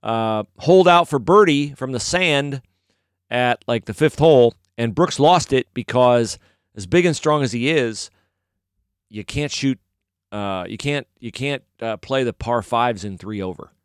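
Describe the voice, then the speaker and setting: A man's voice: mid-range voice, lively intonation, measured pace, smooth, no echo, clean studio sound. A middle-aged man giving casual, opinionated solo sports commentary, rambling and correcting himself as he goes.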